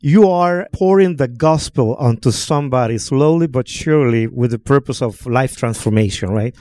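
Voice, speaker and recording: A man from Honduras, guest speaker on a church podcast, talks reflectively in a medium-pitched, dark-toned voice at normal speed, often checking in with "right?". The conversational discussion is recorded with studio quality and no echo.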